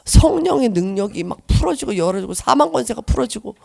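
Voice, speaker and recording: A middle-aged woman giving an emotional church testimony, earnest and shifting between soft and loud. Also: fairly high pitch, expressive, brisk, gravelly, no room sound, clean studio sound.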